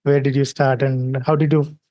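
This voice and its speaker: A man hosting an interview, asking measured questions with some hesitant fillers. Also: mid-range voice, flat delivery, dry recording, dull audio. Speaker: host.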